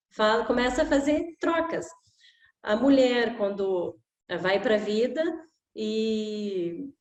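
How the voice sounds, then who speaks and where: A woman's voice: a little high, darkish tone. Woman, echoey room. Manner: conversational, with frequent "né?" tags and acted examples. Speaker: emotional education coach. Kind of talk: informal talk to camera.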